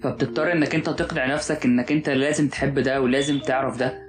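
A man's voice: mid-range voice, steady tone, very fast. A man with an Egyptian accent in casual chat, musing philosophically and often restarting his sentences, with music playing underneath.

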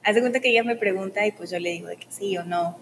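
A young woman, answering interview questions in a soft, filler-heavy casual way. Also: medium pitch, quick pace, slight background noise, poor audio. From Mexico. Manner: soft-spoken, uses many fillers like "o sea" and "como que".

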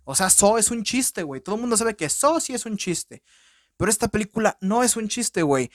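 A man with a Mexican Spanish accent hosting a low-budget podcast, reviewing a film in a crude, profane, joking way. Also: sing-song, a little fast, no echo, studio quality. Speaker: podcast host. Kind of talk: casual film review rant. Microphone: podcast microphone.

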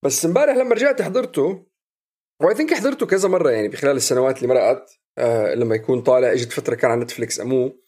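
A man's voice: mid-range voice, animated, rapid-fire, darkish tone. A man with a Levantine Arabic accent in casual film discussion as a co-host, switching between Arabic and English. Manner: mixes English phrases into Arabic.

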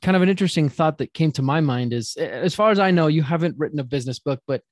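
A man hosting a podcast, asking thoughtful, halting questions in casual talk. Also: on the high side, expressive, dry recording. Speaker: podcast host. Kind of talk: casual interview.

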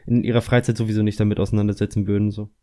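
Young man, rapid speech, dark mellow tone, rambling casual chat. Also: lowish voice, little pitch movement. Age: young adult. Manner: rambling, many fillers like "so" and "halt".

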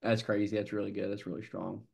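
A man's voice: fairly low pitch, level tone, quick pace, creaky, dark tone, slightly rough. A man hosting a podcast, asking curious questions and admiring his guest's numbers. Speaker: podcast host. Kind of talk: casual podcast interview.

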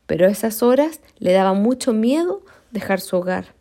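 A woman reading a children's story aloud in an expressive, slow, deliberate way, sometimes stumbling and restarting a word. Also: mid-range voice.

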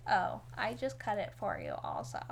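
A woman in casual podcast chat, soft-spoken as she reads tarot for her co-host. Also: medium pitch, wildly swooping pitch, moderate pace, creaky.

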